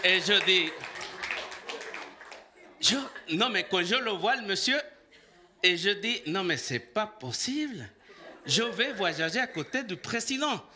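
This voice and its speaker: A man's voice: sits high, animated, slow, long pauses, sharp tone. A man from El Salvador, a preacher telling a personal story in a sermon, acting out the dialogue and laughing often.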